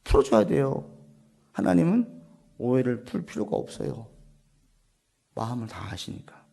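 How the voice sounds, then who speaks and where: A male pastor preaching a sermon, asking the congregation questions and answering them himself, dropping to a soft low voice on key points. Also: huge pitch swings, normal speed, creaky, breathy edge. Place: church sanctuary.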